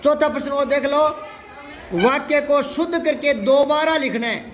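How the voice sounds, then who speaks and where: A man's voice: extremely high pitch, normal speed. A male teacher, drilling a class on grammar and often repeating answers back as questions. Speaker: Hindi teacher. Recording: faint crowd and room noise.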